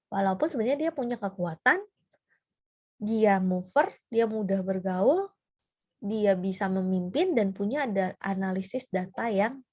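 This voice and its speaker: A woman giving a casual seminar talk on personality types, chatty and full of fillers and tag questions. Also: fairly high pitch. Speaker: trainer.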